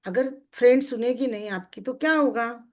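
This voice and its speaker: A middle-aged woman coach with a somewhat high voice leads a group workshop. She keeps turning to her listeners with questions and checks that they follow. She brings her points to life by voicing little everyday scenes. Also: normal speed. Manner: acts out everyday scenes in quoted speech. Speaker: success coach. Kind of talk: motivational group workshop talk.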